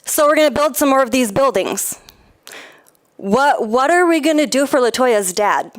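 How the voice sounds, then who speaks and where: Woman at the city meeting mic, kinda high voice, indignant, calling them out. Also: expressive, moderate pace. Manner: pointed, indignant storytelling. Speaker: public commenter. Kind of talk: public comment at city meeting. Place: city commission chamber.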